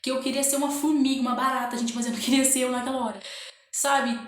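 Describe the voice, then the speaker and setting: High-voiced woman in an echoey room. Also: level tone, fast talker. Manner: emotional, repeats phrases, often addresses listeners as "gente". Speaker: new mother telling her birth story. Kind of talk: casual storytelling to viewers.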